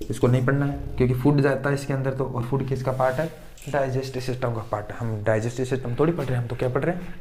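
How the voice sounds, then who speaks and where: A man teaching a school science class. He asks his pupils a question, answers it himself, then repeats the term again. His pitch sits in the middle of the usual male range. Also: mellow. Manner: addresses students fondly as children. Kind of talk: classroom-style science lesson.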